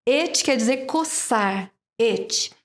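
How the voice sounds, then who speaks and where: A woman teaching an English lesson from Brazil, patient and slow, repeating each sound many times. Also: on the high side, lively intonation.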